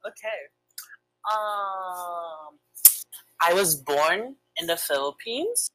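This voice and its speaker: A woman's voice: lowish voice, expressive, very slow, fairly bright tone, dry recording, poor audio. A young woman co-hosting a casual podcast, chatty and hesitant, with lots of fillers. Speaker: podcast co-host. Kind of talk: casual chat game with a friend.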